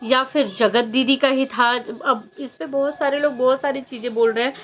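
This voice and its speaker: A woman's voice: high voice, fairly even intonation, moderate pace. A woman vlogger giving chatty gossip commentary, asking many rhetorical questions and using fillers. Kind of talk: casual gossip commentary to camera. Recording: dull lo-fi sound with faint background noise.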